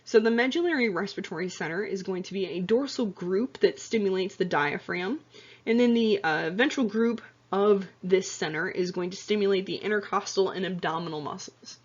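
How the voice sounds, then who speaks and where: A woman teaching anatomy and physiology discusses lecture slides at normal speed in a relaxed, talkative style with plenty of fillers and self-corrections. Her medium-pitched voice sounds increasingly tired and hoarse, and the recording is muffled.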